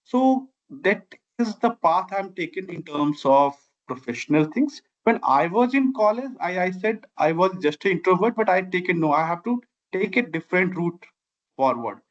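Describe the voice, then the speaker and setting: A civil engineer and founder in his forties, from Bihar in India, answers interview questions as a guest. He has a Bihari Indian accent, with Maithili as his first language, and his high-sitting, animated voice moves at normal speed on a muffled recording. His answers are long, earnest and winding, with "I have" repeated often.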